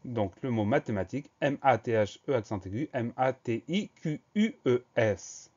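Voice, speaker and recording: A man teaching spelling in a patient, careful way, dwelling on each syllable and spelling it letter by letter. His voice sits at an ordinary middle pitch. The recording sounds slightly dull and lo-fi. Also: animated, normal speed, darkish tone. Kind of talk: spelling dictation lesson.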